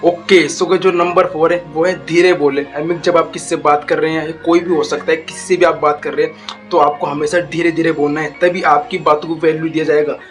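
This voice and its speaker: A young man coaching his viewers through voice exercises in a slow, deliberate way. His voice sits a bit high for a man, and soft music plays faintly behind him. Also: level tone. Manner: slow, deliberate, addresses viewers as guys and bro. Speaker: YouTube voice coach. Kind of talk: casual tutorial talk.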